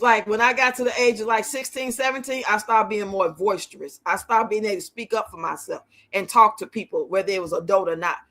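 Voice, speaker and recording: This livestream host, a woman of fifty-nine, talks with her viewers casually, bluntly, and colloquially. Her voice is medium-pitched and a bit bright.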